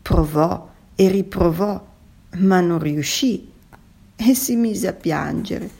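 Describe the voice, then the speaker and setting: A woman reading a children's fable aloud in a calm, gentle storyteller's manner. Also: fairly low pitch, takes it slowly, vocal fry, slightly rough.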